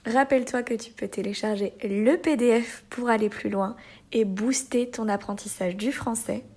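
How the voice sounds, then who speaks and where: A woman with a French accent, maybe from Normandy, hosts a lesson podcast, explaining expressions and acting out lively examples with a laugh now and then. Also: on the high side, moderate pace, husky. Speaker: French teacher.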